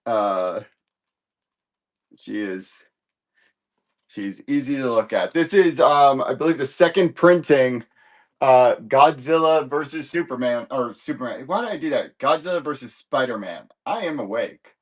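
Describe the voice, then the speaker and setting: A man's voice: mid-range voice, expressive, a little slow. A man hosting a live comic book sales stream in casual chat, rambling and easygoing as he corrects himself and cracks light jokes.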